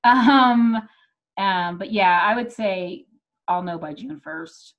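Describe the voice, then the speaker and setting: A woman's voice: medium pitch, takes it slowly, dull audio. American woman chatting, thinking aloud. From Texas, United States. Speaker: comedian and comedy show producer. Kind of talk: casual chat.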